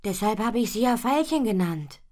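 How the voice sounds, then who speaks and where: A woman voicing a shy, doubtful farm girl in a children's audio story, a bit higher than her own voice. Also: sing-song, normal speed, a little mellow. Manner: skeptical and hesitant.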